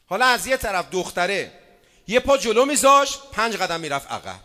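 A man with a Tehrani accent preaching a sermon, swinging from hushed asides to loud chanted verses. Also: high voice, very animated, big-room sound. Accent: Tehrani Persian. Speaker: cleric preacher. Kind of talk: sermon with storytelling.

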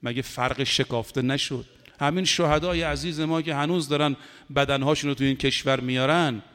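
A man's voice: medium pitch, a bit bright, clean tone, long reverb tail. A man preaching a religious sermon, impassioned and building to emphatic peaks. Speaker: cleric preacher.

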